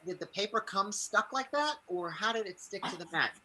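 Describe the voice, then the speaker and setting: A man's voice: high voice, animated, moderate pace. A man hosting casually, asking inquisitive questions and often repeating the answers back. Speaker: host. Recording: noisy room recording.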